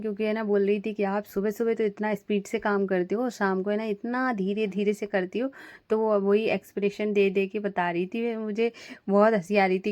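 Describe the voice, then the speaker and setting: A woman's voice: medium pitch, a little mellow, no echo. A woman in her thirties chatting through her morning routine in a casual home vlog, homely and full of little fillers. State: slightly hoarse throat. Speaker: vlogger, housewife. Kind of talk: casual voice-over vlog narration.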